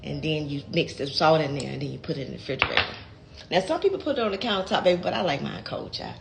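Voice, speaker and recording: Folksy chatty woman, low voice. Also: expressive, fast talker, creaky, heavy background noise. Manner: chatty, folksy, calls viewers baby and child. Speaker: home cook and gardening creator. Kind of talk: casual how-to vlog. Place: home kitchen.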